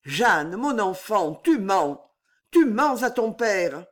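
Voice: mid-range voice, big pitch swings, slow, pitched above the performer's own voice. Reader voicing a worried, tender old father. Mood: grave. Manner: pleading, reassuring. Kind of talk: audiobook character reading.

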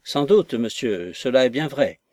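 A man's voice: medium pitch, lively intonation, measured pace, no echo, studio quality, natural voice. A man voicing a distraught lady's maid, a woman who wails and pities herself in a raised, plaintive voice. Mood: lamenting.

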